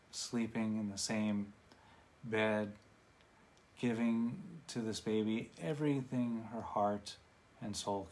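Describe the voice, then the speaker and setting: A man giving a dharma talk, retelling a parable in a conversational way with relaxed asides to his listeners. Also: fairly low pitch.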